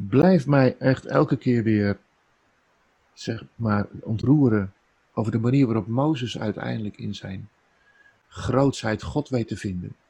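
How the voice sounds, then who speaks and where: A man delivering a heartfelt sermon in a low, gravelly voice with a husky, rough edge. He builds to emphatic high points and then sinks back to soft, reflective tones. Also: rough recording. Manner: earnest, emotional, rising to emphatic peaks then dropping soft. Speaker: preacher.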